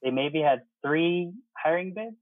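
Heard over a muffled phone-style connection with no room sound, this air traffic controller in his thirties speaks a little slowly in a slightly high voice with lively intonation. As an interview guest, he casually relates his own story and quotes exchanges he had.

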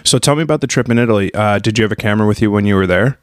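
A man in his thirties hosting a casual podcast interview, rambling quickly and correcting himself mid-sentence. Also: on the low side, dry recording, clean studio sound. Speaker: podcast host.

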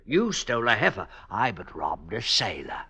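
A sly cackling prisoner. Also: male voice, on the low side, huge pitch swings, moderate pace, pushed and bright, breathy edge, full character voice. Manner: sly, with whispered asides and cackles. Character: sly male prisoner, cunning and gleeful. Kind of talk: 1950s radio drama acting.

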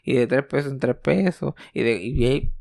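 Animated Puerto Rican man, dry close sound. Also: medium pitch, moderate pace, creaky, no room sound. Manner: animated, joking, tumbling anecdotes. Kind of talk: casual storytelling chat.

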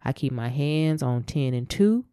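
A woman's voice: rumbling low, expressive, measured pace, mellow, smooth, dry recording, studio quality. A woman from Texas co-hosting a psychology podcast, chatting casually and often affirming the other host. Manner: affirming, frequent mm-hmms.

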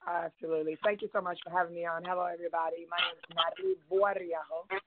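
A woman's voice: lowish voice, little pitch movement, fast, heavy background noise. A woman from Sweden, a realtor, introducing herself as a talk show guest in an upbeat way with hesitant fillers. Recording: dry tinny phone line.

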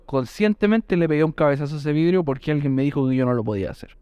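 A Chilean man talks quickly and animatedly, full of slang and cheerful self-mockery. His voice is clear and smooth, recorded dry and close with no room sound. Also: a little high, expressive, mellow, dry recording. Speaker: podcast co-host. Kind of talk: casual storytelling chat.

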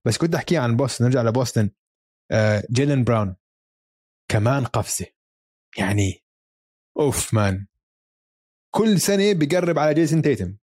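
Fast-talking man, Levantine Arabic accent. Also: mid-range voice, expressive, darkish tone, no echo, clean studio sound. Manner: mixes English sports terms into Arabic. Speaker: sports podcast co-host. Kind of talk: casual basketball chat.

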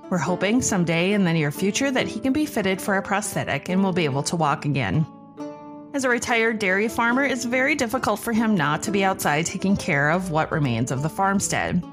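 A woman's voice: medium pitch, animated, moderate pace, over music. A woman hosting a podcast, reading scripted narration. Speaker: podcast host.

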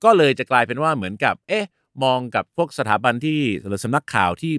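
A man's voice: medium pitch, animated, quick pace, a bit bright, clean tone, no echo. Man, co-host, patient explainer, casual chat, dry close mic. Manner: patient, spells out English words. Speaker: co-host explaining English words. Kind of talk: casual chat mixing English terms.

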